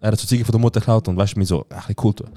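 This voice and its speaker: Fast-talking young man telling a story. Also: lowish voice. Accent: Swiss German. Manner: animated, quotes people with "ich so" and acts out their lines. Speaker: podcast co-host. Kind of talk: casual storytelling chat.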